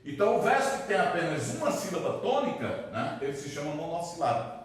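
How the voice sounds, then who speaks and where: A man's voice: fairly high pitch, big pitch swings, fast. A man teaching a literature lesson, explaining step by step and checking in often with tag questions. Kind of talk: distance-learning lecture. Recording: very echoey room, mic far off.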